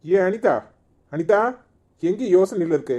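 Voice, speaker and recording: A man's voice: high voice, unhurried, mellow. A man voicing a scolding village husband torn between two wives, with a Tirunelveli Tamil accent. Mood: puzzled. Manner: scolding, name-calling. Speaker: voice actor in a cartoon comedy. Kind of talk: village cartoon drama.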